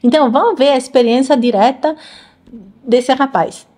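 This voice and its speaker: A woman's voice: high voice, normal speed, darkish tone. A woman hosting a reaction video, explaining things in casual chat and repeating words while she searches for the right one. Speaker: channel host reacting to clips.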